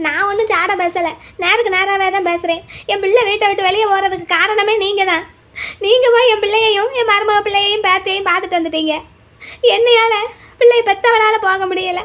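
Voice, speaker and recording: A woman's voice: very high voice, a little fast, fairly bright tone. A woman voicing an older mother, tearful, stubborn and resentful. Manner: plaintive and resentful.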